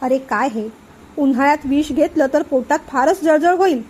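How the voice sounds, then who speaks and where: A woman's voice: sits high, moderate pace, darkish tone, close to an everyday voice. A woman reading a teasing, level-headed young wife. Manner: teasing, jokey.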